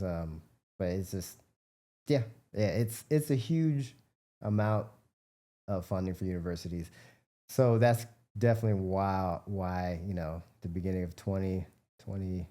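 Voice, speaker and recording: A Midwestern American man, a biomedical researcher and entrepreneur, is a guest in an interview. His voice is low and warm at a normal speed, and he answers casually and informally, rambling as he goes.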